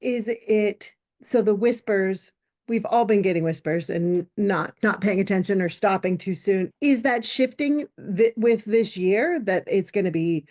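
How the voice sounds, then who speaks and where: A woman's voice: mid-range voice, a little slow, a little mellow. A woman hosting a podcast interview, asking questions hesitantly and searching for words with many fillers and restarts. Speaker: podcast host.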